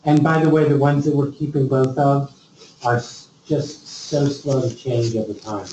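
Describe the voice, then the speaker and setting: A man's voice: mid-range voice, steady tone, normal speed, darkish tone, a little hiss or hum. A man in a committee meeting discussion, leading the agenda and thinking aloud with frequent restarts. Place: meeting room. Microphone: distant room mic. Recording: dull, echoey meeting room from far off.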